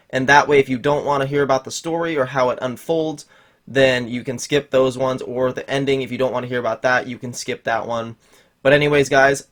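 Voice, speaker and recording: A man's voice: mid-range voice, fairly bright tone. A young man hosting his own gaming channel, reviewing a game's story in a casual, rambling way, with lots of "like"s and restarts. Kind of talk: casual video game review.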